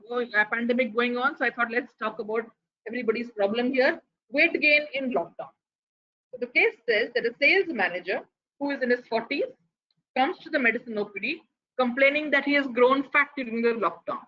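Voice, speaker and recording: Indian English woman, lecturer, fairly high voice, asks questions to teach, dull online audio. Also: fairly quick. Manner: explanatory, poses rhetorical questions, some restarts. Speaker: pathology lecturer giving a keynote.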